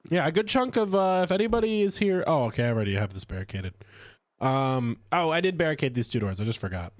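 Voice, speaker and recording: Man, stuffy from a cold, casual game commentary, lively up-and-down pitch, dry close sound. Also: quick pace, no echo. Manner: chatty, rambling, lively pitch swings. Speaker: streamer.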